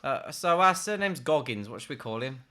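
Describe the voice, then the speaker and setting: A man's voice: mid-range voice, big pitch swings, moderate pace, pushed and bright. A man with a British accent, co-hosting a podcast, making teasing jokes in casual chat. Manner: teasing, jokey. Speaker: podcast co-host.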